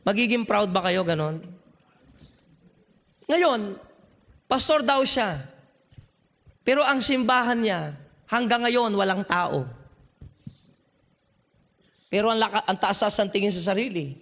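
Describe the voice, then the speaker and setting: A man with a very high-pitched voice delivers a sermon, pressing his listeners with rhetorical questions. His words ring out with a long reverb, as if in a large camp hall. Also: animated, takes it slowly, long pauses, a bit bright. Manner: emphatic preaching with frequent rhetorical questions to the audience. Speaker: pastor preaching at a youth camp.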